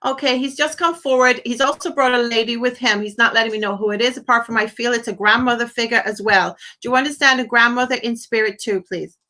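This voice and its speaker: A psychic medium hosts a live phone-in, relaying messages to a caller in quoted asides and gushing with endearments and blessings. Her slightly high, bright voice is forceful, with fairly even intonation, a quick pace, and few pauses.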